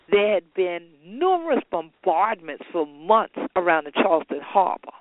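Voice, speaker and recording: A man hosting a history talk, speaking in an emphatic, deliberate storytelling manner. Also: high-pitched, dry recording. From Gullah Geechee lowcountry of coastal South Carolina. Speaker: show host and heritage speaker. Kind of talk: spoken history talk to an audience. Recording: thin phone-like radio sound.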